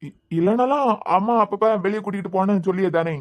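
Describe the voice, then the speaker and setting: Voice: medium pitch, fast, natural voice. A performer voicing a young husband who is a police officer in a cartoon series, defensive and pleading, with a Kanyakumari Tamil accent. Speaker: cartoon character. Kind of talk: cartoon web series dialogue.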